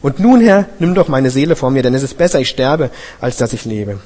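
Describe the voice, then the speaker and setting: A man's voice: medium pitch, lively intonation, brisk, a little mellow, in a large hall, lightly acted. A bitter, weary prophet , read by a man, his voice earnest and pleading. He speaks with a tired edge in a storybook scripture telling.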